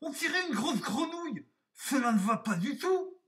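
Fussy vain storybook wolf, male, squealing high, loud dramatic outbursts, mic a bit far off. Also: sing-song, normal speed, heavily acted. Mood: outraged.

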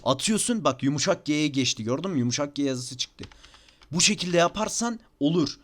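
A man's voice: fairly high pitch, lively intonation, normal speed. A young man with a Turkish accent, talking casually at his computer through a tutorial, repeating himself and sounding a little exasperated. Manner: chatty, repeats "bakın" and "abi", slightly exasperated. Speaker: gaming tutorial youtuber. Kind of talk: casual screen-recorded tutorial. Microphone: desk microphone.

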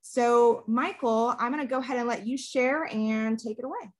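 Friendly woman host on a zoom call, kinda high voice, introducing the speaker. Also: moderate pace. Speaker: webinar host. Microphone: video call.

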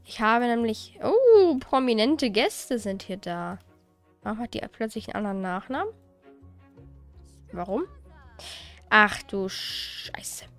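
A woman with a fairly high voice talks through her game session in a loose, chatty way. She grumbles, asks her viewers questions and curses lightly when things go wrong. Soft music plays behind her. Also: very animated, normal speed. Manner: chatty, exasperated, swears lightly. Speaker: let's play host. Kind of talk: casual gameplay commentary.

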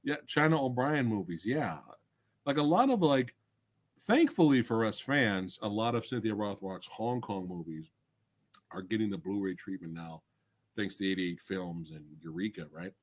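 A middle-aged man who hosts livestreams and reviews films chats casually with viewers, animated, enthusiastic, full of slang and swearing. His voice sits on the low side at a moderate pace. He's in a small indoor room crammed with collectibles, speaking into a desk microphone close in front of him.

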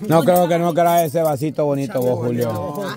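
Man, high voice, Salvadoran accent, casual challenge organizer outdoors in a noisy group. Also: normal speed. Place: outdoors on a lawn at a party. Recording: outdoor crowd chatter, handheld phone.

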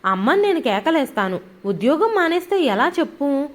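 Brief: woman narrator doing a dismissive storybook husband, insistent, lively pitch. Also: normal speed. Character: nagging middle-aged husband pushing his wife to work.

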